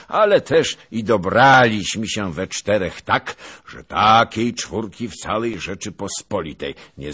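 A man voicing a boastful, gluttonous old nobleman soldier who talks loudly and patronizingly in an audiobook. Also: on the low side, breathy edge, voice pushed up, heavily acted. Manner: pompous, patronizing, loud.

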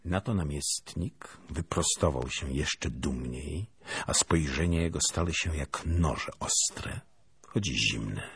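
Deep husky male storyteller. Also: expressive, a bit bright, no echo. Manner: dramatic, measured storytelling. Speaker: narrator. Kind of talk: audiobook reading of a historical novel.

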